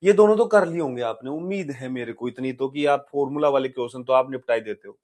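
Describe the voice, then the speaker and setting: A man teaching a physics exam-prep lecture in a lively, chatty way. He mixes English terms into his explanations and often asks his students questions. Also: medium pitch, fast.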